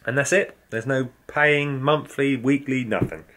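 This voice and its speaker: A man's voice: mid-range voice, steady tone, a little slow, fairly bright tone. Chatty man vlogging at home. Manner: chatty, upbeat, lots of fillers. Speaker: fitness vlogger. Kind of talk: casual vlog talk to camera.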